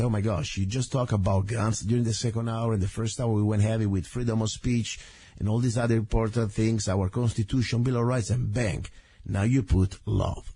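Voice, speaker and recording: A man hosting a casual radio show in a rough caveman voice, hoarse and congested from a heavy cold, talking in a rambling, informal way. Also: lowish voice, warm tone, dry recording.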